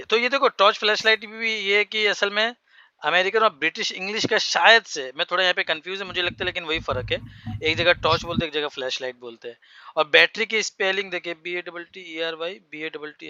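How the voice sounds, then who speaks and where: A man teaching a spoken English class for Hindi speakers, explaining words slowly and spelling them out. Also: fairly high pitch, sharp tone, no echo, muffled recording.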